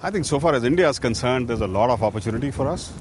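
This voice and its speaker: Male executive guest, confident and emphatic, mid pitch, faint noise. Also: animated, rapid-fire. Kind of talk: interview answers.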